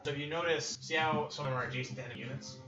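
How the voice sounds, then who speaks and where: A man acting as game master, explaining moves in a relaxed way full of fillers. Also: on the high side, rapid-fire. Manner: casual, filler-heavy explaining. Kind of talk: running a tabletop war game. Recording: muffled audio under loud music.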